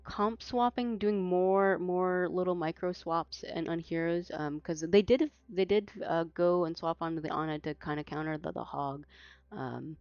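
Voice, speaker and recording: Unhurried and lowish in pitch, a native Mandarin-speaking woman chats casually after a match as an esports caster, wandering through her thoughts with frequent fillers, restarts, and self-corrections. The recording is dry, and the highs are cut off.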